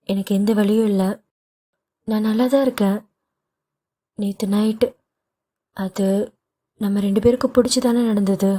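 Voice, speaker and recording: A teasing young wife coaxes and comforts her husband in an audio novel, as the reader puts her on. Her voice is mellow and warm, playful and gently coaxing. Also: medium pitch, close to an everyday voice. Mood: soothing.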